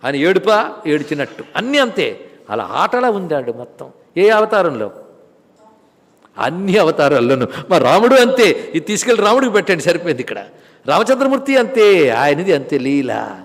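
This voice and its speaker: Male preacher, high voice, lively: bursts of emphasis, hushed asides, slow chanted verses. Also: in a large hall. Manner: animated, swings between loud exclamations and soft asides, chants Sanskrit verses slowly. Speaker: spiritual discourse speaker. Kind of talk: devotional sermon on scripture.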